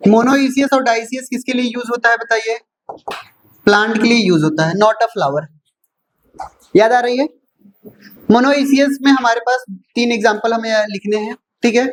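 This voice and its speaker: Teacher who keeps checking "clear?". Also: medium pitch, poor audio. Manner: keeps asking "clear?" and answering own questions; repeats key points slowly. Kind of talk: classroom lecture mixing Hindi and English terms.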